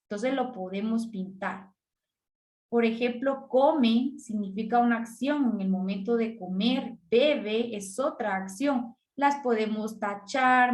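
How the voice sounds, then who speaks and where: A woman teacher walks pupils through worksheet exercises step by step, asking and answering her own questions. Her voice sits a little high. The recording has a noticeable room echo. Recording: echoey room.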